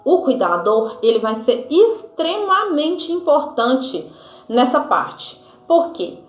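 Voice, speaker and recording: A woman nurse with a Brazilian accent gives an informal health lesson, with many fillers and pauses to check her notes. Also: sits high, very animated. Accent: Brazilian Portuguese. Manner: informal teaching, frequent fillers like "né" and "tá"; reads from notes at times. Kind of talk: explanatory health lesson to camera. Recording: echoey room, dull lo-fi sound, faint music.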